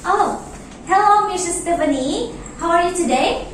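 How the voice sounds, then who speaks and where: A woman playing a polite, helpful bank customer relations officer in an amateur role-play, speaking formally and a little haltingly. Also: sits high. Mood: bright, welcoming. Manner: courteous, halting, formal service talk. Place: echoey indoor room, far mic. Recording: echoey room, distant mic, noisy.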